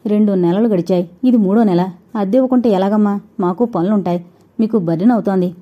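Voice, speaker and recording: A woman's voice: mid-range voice, brisk, lo-fi sound, close to an everyday voice. A woman voicing a middle-aged male landlord, polite but insistent. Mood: pressing.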